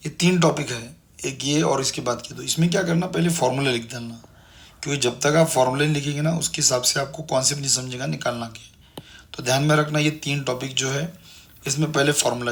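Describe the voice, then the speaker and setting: A man's voice: medium pitch, fairly bright tone. A man teaching a math class, repeating steps and coaxing his students along. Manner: repetitive, coaxing, calls students "beta". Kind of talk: online classroom lecture.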